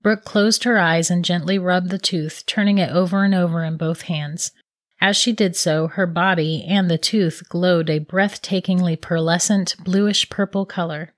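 A woman calmly narrating a scripted fairy tale. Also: fairly low pitch, no echo, clean studio sound. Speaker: storyteller.

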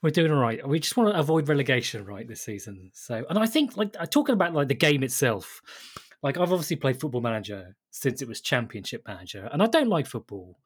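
A man's voice: medium pitch, sing-song, fast, husky. English guy rambling about games, loads of likes and ums, keeps laughing. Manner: rambling, laughs often, many fillers and restarts. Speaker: podcast co-host. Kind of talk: casual chat.

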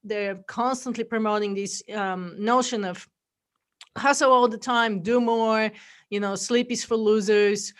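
A woman's voice: on the high side, steady tone, measured pace. A middle-aged woman from Bulgaria with a mixed Bulgarian accent, chatting as a podcast guest and telling her story with frequent fillers. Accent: Bulgarian, mixed with Australian and American. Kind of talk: casual interview chat.

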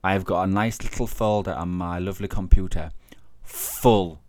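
A man's voice: low-pitched, moderate pace, darkish tone, dry recording. A man hosting a casual paranormal podcast, chatty and rambling, often correcting himself mid-sentence. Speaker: podcast host, paranormal investigator.

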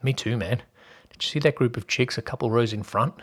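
A man voicing a shy, eager young man who speaks quietly and briefly. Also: mid-range voice, brisk, slightly rough, natural voice.

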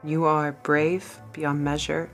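A woman playing a steadfast warrior who speaks in a formal, measured way, with faint music underneath. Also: low voice, level tone. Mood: devoted, solemn.

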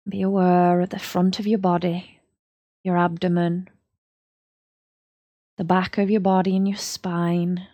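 A woman, a yoga teacher leading a slow, soothing guided body-scan relaxation. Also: on the low side, flat delivery, dark tone, no room sound.

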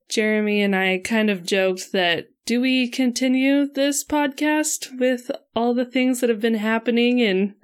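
A woman's voice: fairly high pitch, unhurried, smooth. A young woman from the United States co-hosts a casual podcast. She giggles easily and keeps her teasing friendly and light. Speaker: podcast co-host. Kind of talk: casual chat.

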